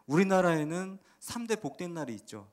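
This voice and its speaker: Guy telling a funny testimony story, voice all over the place, kinda high. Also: normal speed. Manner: animated, humorous storytelling. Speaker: testimony speaker. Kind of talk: comic life-story testimony.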